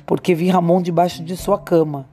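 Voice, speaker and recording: A woman's voice: fairly low pitch, fairly even intonation, moderate pace, mellow, faint music behind, lightly acted. A woman reading the lines of a wary young man in an audiobook, telling his story in a tense, urgent way.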